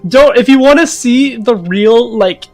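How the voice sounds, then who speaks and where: A person casually giving game tips in a relaxed, offhand way. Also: medium pitch, unhurried, faint music behind. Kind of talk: casual chat.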